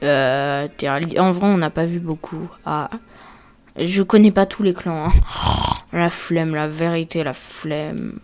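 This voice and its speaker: A woman's voice: low-pitched, steady tone, takes it slowly, darkish tone. A woman giving casual, joking, off-the-cuff commentary while ranking characters, with muttered asides. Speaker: video creator ranking characters.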